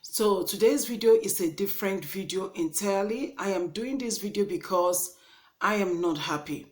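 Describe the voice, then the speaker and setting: Young Nigerian-accented woman, vlogger, earnest and indignant, frequent restarts, mid-pitched voice. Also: normal speed. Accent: Nigerian English. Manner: passionate, indignant. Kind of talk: impassioned vlog monologue.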